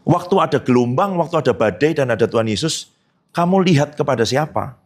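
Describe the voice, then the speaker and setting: A man preaching a sermon as pastor, asking the congregation rhetorical questions and slipping in casual joking asides. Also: fairly quick. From Indonesia. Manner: animated preaching with sudden high emphatic jumps and rhetorical questions.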